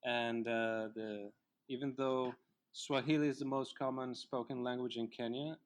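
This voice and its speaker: A middle-aged man from Colombia, a native Spanish speaker, telling his life story as a guest in a relaxed interview. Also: mid-range voice, a little slow. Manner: reflective storyteller, many fillers. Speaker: filmmaker guest. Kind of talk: casual interview chat.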